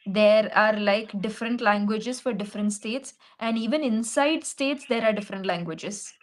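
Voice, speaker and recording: A young English tutor from Kerala speaks with an Indian English accent in a mid-range voice. She sounds measured and reflective during a practice conversation.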